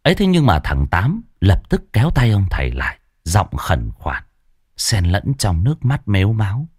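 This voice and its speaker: Deep-voiced man telling a ghost story. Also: normal speed, breathy edge, no echo, studio quality. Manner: expressive, dramatic storytelling. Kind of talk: scripted narration of a ghost story.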